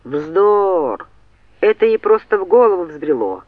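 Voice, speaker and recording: A woman reading an audiobook, voicing a sardonic, quick-tempered young man who snaps scornfully. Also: fairly low pitch, very animated, no room sound, phone-quality sound. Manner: scornful, snapping.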